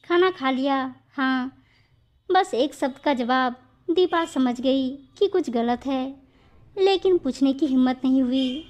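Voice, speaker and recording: A woman narrating a scripted moral story with a steady, even reading. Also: sits high.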